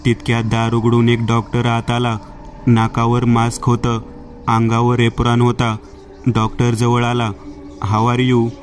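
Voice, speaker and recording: Male horror narrator, slow and steady, extremely flat delivery. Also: mid-range voice, a little hiss or hum. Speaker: horror storyteller.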